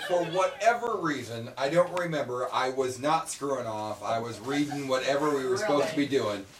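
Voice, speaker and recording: A man in his forties telling animated, laughing stories to old classmates at a reunion. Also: mid-range voice, normal speed, a loud crowd. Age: 40s. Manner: animated, laughing, many restarts. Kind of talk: casual reunion storytelling. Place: reunion gathering indoors. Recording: echoey room, far from the mic, loud background noise.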